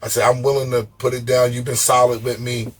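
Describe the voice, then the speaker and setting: A male podcast guest with a mid-range, breathy-edged voice talks a little fast. In this easygoing storytelling interview, he recounts events in loose, animated street slang laced with profanity, repeatedly stumbling over his words.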